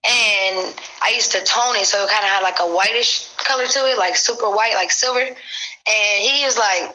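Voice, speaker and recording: A young adult woman telling a gossipy story on her livestream in a casual, animated way, acting out what others said. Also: medium pitch, normal speed, rough recording. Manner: animated gossip, acts out quotes. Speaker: live streamer.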